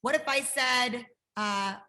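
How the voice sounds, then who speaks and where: A woman's voice: fairly high pitch, takes it slowly, sharp tone. A woman martial arts instructor teaching a kids' life-skills workshop over a video call, upbeat and encouraging as she asks the class questions.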